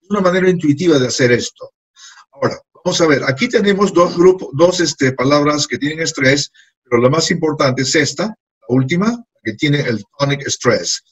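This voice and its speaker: A man's voice: fairly high pitch, expressive, normal speed, husky, low-quality recording. A man teaching an English class in to a group of students, patiently repeating words and phrases. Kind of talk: classroom lesson.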